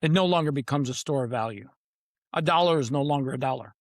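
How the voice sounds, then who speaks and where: A fast-talking man with a mid-range voice appears as a podcast guest; he's an author. He keeps things conversational yet emphatic through punchy lines and dramatic repetition, in a clean, echo-free studio recording.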